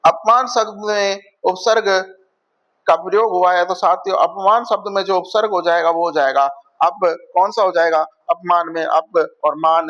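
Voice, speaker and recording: A man's voice: a little high, a bit bright. A male teacher, going through exam questions and quizzing his listeners with repeated questions. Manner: addresses viewers as friends. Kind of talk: exam prep lesson. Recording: dull lo-fi audio.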